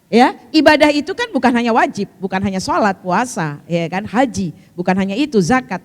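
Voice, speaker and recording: An older woman teaching a women's religious study group, her voice high and lively. She tells stories, acts out the people in them and laughs along the way. The sound carries a long reverberant hall tail. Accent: Indonesian.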